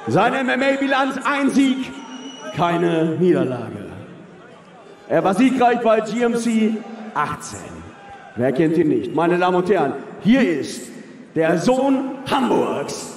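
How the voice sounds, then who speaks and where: A man announces fighters as a ring announcer in a high, widely swinging voice. His delivery is ceremonial and stretched out, rising to big calls. It echoes around an arena with some crowd noise behind. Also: darkish tone. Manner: grand, ceremonial, building to drawn-out calls. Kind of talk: boxing ring announcer introductions, drawn out and shouted. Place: large indoor fight arena.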